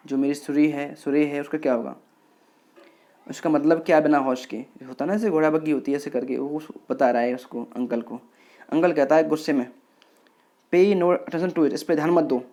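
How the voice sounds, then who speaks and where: A man's voice: medium pitch, dark tone, highs cut off. A male lecturer retelling a story for students, explaining it with everyday examples and checking whether they follow. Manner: retells characters' lines in plain narration.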